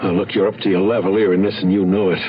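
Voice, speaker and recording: A man's voice: low-pitched, flat delivery, very fast, close to an everyday voice. An actor playing a cocky, bullying small-time robber with slangy tough-guy talk in an old-time radio crime drama. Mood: bossy. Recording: noisy, dull lo-fi radio recording.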